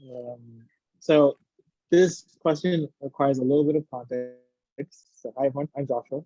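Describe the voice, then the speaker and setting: A man from Uganda, a guest in a casual interview, telling his story in a reflective, relaxed way over muffled call audio. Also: medium pitch, unhurried, dry recording. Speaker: guest, former volunteer.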